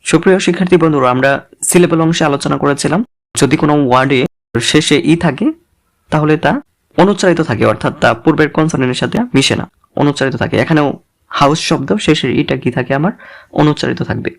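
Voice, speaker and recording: A man teaching English reading, spelling out letters one by one and blending them into words in a deliberate, repetitive way. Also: on the high side. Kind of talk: slow spelled-out pronunciation lesson.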